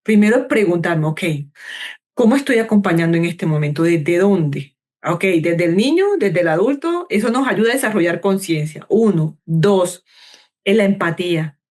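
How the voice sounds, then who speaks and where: A woman clinical psychologist talking through parenting advice in an interview. Her delivery is calm and measured, and she draws words out slowly to model a breath. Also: fairly low pitch. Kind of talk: calm explanatory interview talk.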